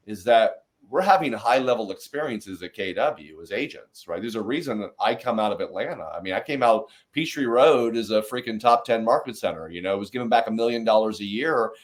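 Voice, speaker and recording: A man's voice: on the low side, animated, a little fast. A man hosting a casual interview, talking with energy and rambling through many fillers and restarts. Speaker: podcast host.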